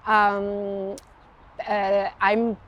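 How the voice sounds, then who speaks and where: A woman's voice: mid-range voice, completely flat delivery, extremely slow, a bit bright. Portuguese-accented woman, hesitant guest. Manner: hesitant, many restarts, laughs often. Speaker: interview guest, communications professional. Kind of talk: conversational interview answers.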